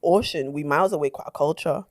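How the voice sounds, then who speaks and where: A woman's voice: low voice, brisk, no echo, studio quality. A young woman co-hosting a podcast in a chatty, slangy way. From Dutch Caribbean islands. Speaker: podcast co-host. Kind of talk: casual podcast chat.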